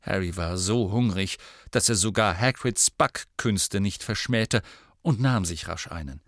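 A man reading a story aloud in steady scripted narration. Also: on the low side, measured pace, no echo, clean studio sound. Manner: steady storytelling with voiced dialogue. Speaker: audiobook reader.

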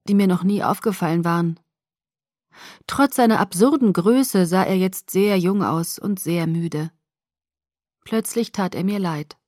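Brief: woman audiobook narrator, mid-pitched, gentle and measured, bone-dry studio sound. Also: dry recording. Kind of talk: first-person novel narration.

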